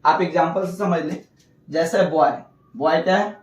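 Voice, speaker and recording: A man's voice: on the high side, moderate pace, roomy sound, distant mic, poor audio. A male teacher explaining English grammar rules, asking questions and answering them himself. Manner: repeats rules, asks and answers own questions. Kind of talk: classroom lesson.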